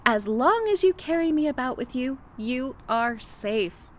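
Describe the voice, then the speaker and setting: A woman's voice: sits high, expressive, measured pace, slight background noise, pitched above the performer's own voice. A woman voicing a small magic doll in a storybook reading, speaking in a soothing, reassuring way.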